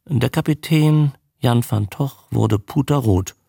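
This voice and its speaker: A man narrating a novel for a radio reading in a measured, expressive storytelling manner, close to a studio mic. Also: mid-range voice, creaky, husky, dry recording.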